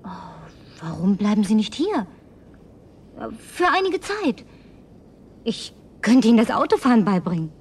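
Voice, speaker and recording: A woman's voice: a little high, sing-song, a little slow, pauses often, husky, full character voice. An actress playing a lonely, house-proud young woman in a German radio drama, coaxing and effusive with sighs. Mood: wistful, coaxing.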